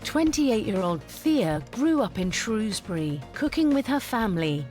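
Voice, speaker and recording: A woman's voice: mid-range voice, big pitch swings, measured pace, music in the background. A woman with a British accent giving polished, scripted narration that introduces contestants. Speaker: show narrator.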